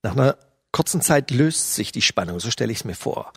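A man's voice: medium pitch, animated, brisk, creaky, breathy edge, no echo, clean studio sound. A middle-aged man giving a sermon, retelling a scene in a loose, storytelling way with fillers. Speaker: preacher.

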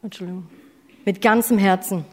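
A woman's voice: mid-range voice, steady tone, normal speed, husky. A woman delivering a sermon, earnest and direct, asking her listeners questions and now and then correcting herself. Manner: self-correcting, apologizes for slips. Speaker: preacher. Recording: long hall reverb.

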